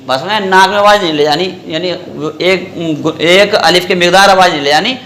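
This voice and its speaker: A man teaching Quran recitation in a class, asking questions, repeating the students' answers and drawing sounds out slowly to show them. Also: high-pitched, a bit bright, roomy sound, a little hiss or hum. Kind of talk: classroom tajweed lesson with call-and-response.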